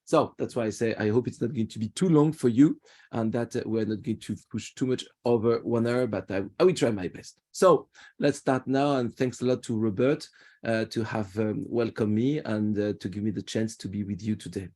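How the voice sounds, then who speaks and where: Tour guide, male, Parisian French accent, low mellow voice, chatty over video call. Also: normal speed. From France. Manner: friendly, chatty, restarts phrases. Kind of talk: virtual museum tour talk.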